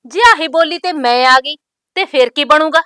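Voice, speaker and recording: Defiant young bride, high bright voice, dry close sound. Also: female voice, normal speed, no echo. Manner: bold, scolding, proverb-laden retorts. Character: sharp-tongued young newly married woman, defiant. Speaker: actress. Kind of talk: village family drama acting.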